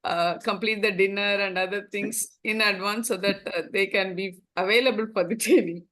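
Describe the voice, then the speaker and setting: A woman with an Indian accent offering suggestions in an online training session, halting and repeating her phrases. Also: medium pitch, steady tone, a bit bright. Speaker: training participant.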